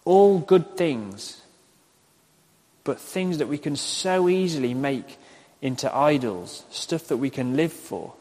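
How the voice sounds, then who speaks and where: A man preaching a sermon in a slow, deliberate way, with emphatic pauses. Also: fairly high pitch, lively intonation, darkish tone, breathy edge. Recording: long hall reverb.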